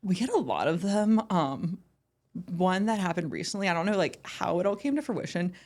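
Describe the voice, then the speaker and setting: A woman's voice: fairly low pitch, animated, moderate pace, a little mellow. Chatty young woman full of "like". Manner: chatty, upbeat, lots of "like" and "um". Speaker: guest, ballpark entertainment manager. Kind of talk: casual interview chat.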